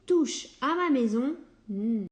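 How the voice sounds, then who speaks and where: Woman voicing a bratty storybook piglet, high, loud, rapid and insolent, mellow tone. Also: expressive, slight background noise. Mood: rude shouting. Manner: shouting, quick and insolent. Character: rude, loud, lazy little piglet boys.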